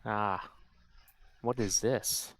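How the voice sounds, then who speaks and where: Bright-voiced man playing a tabletop game. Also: lowish voice, fairly even intonation, extremely slow, dry recording. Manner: thinking aloud, tentative, with fillers. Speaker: player. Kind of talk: casual tabletop game play.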